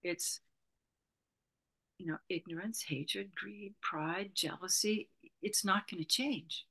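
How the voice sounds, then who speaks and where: A woman from Berkeley, California, in her sixties and a leader of Buddhist retreats, speaks slowly as an interview guest. Her lowish voice is pushed and bright with a breathy edge, and her reflective, casual talk rambles with frequent "you know"s.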